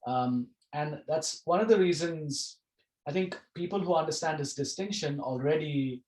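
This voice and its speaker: A man's voice: on the high side, moderate pace, darkish tone, reverberant, low-quality recording. A man teaching an online class over a video call, talking casually and often restarting his phrases. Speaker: course instructor.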